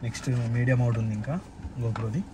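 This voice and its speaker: Fast-talking man, noisy. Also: mid-range voice, level tone. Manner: chatty, mixing in English words. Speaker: vlog host. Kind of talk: casual unboxing chat.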